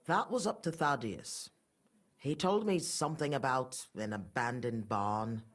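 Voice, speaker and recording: An actress with a bass voice, speaking a little slowly, plays a middle-aged mother in a dramatic video game scene. The character is a pious murderess, haughty, fanatical, and without remorse, and she delivers her lines with cold, sanctimonious contempt.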